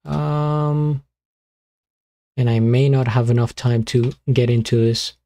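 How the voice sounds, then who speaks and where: A man streaming live, chatting casually and muttering to himself as he fiddles with his streaming software. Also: mid-range voice, fairly even intonation, slow pace. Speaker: beatbox streamer.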